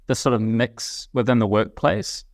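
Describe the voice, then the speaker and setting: A man's voice: medium pitch, normal speed, vocal fry, dry recording, clean studio sound. Reflective man. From New Zealand. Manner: thoughtful, reflective, with frequent restarts. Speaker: guest, company CEO. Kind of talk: casual interview chat.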